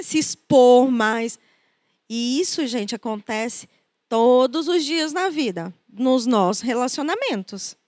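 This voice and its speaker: High-voiced Brazilian woman preaching warmly. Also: no room sound, clean studio sound. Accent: Brazilian Portuguese. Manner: conversational, acts out quoted voices. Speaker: preacher and counselor. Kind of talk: sermon.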